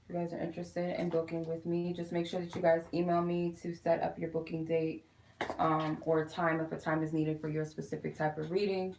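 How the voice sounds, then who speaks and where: Low-voiced, creaky woman hosting a tarot livestream. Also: monotone, brisk, a little mellow, roomy sound, a little hiss or hum, rough recording. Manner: informal, chatty, addressing viewers as "you guys". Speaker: tarot reader, live streamer. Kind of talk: casual live-stream tarot reading. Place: quiet room at home.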